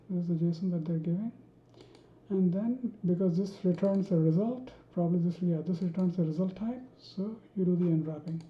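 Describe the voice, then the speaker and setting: A woman walks through a programming tutorial at an unhurried pace, thinking aloud and stopping often for ums and restarts. Her voice sits on the low side for a woman. The recording is dull and roomy, with keyboard typing behind her. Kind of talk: screen-recorded coding tutorial.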